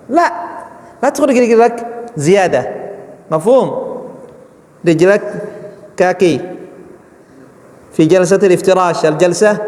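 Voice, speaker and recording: A man teaching a mosque class, often checking that his listeners understand and demonstrating chants aloud. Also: high-pitched. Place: large mosque hall. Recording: echoey hall, long reverb.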